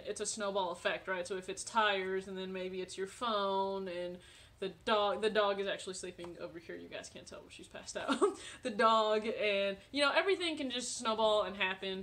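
A woman's voice: mid-range voice, a bit bright. A woman in her late twenties chatting casually to camera from her living room, friendly and talkative with frequent laughs and fillers. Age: 20s. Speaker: vlogger.

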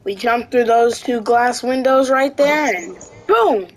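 A woman's voice: fairly high pitch, fairly even intonation, unhurried, poor audio. A woman roleplaying an outlaw parent in a western game, talking casually with many fillers. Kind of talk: in-character game roleplay chat.

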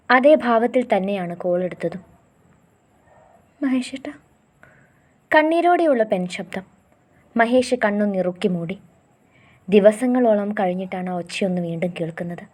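Woman reading a love story, mellow and kinda husky, soft. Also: mid-range voice. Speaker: story narrator. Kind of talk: scripted story narration.

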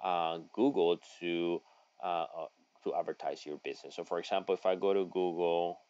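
A middle-aged man with a low voice walks through a screen-share lesson, reading an article aloud and stopping often with "uh" and restarts. The sound is dry and a little dull, recorded at a desk mic in a home office. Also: steady tone, a little mellow, no echo. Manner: halting, many fillers and restarts, folksy asides. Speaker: local online marketing consultant. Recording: dry, slightly dull audio.

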